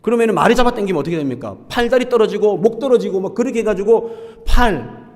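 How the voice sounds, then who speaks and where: Male pastor, animated sermon delivery, questions the congregation, slightly high voice, long reverb of a church sanctuary. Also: fast talker. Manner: lively, asks the congregation questions and acts out quoted insults.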